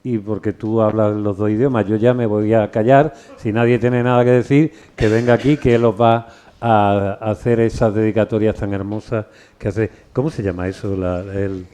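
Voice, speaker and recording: A man's voice: lowish voice, steady tone, normal speed, mellow, smooth. A middle-aged or older man with a Spain accent hosts informally, telling anecdotes in a digressive, repetitive way. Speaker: book presentation host. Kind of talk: informal anecdotal public talk. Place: live book presentation with microphone.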